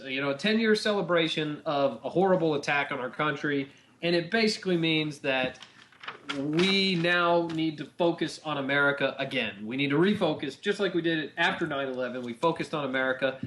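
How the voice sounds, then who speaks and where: A man's voice: on the high side, brisk, fairly bright tone. A man co-hosting a casual beer-tasting chat, rambling and easygoing with lots of filler. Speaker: podcast co-host.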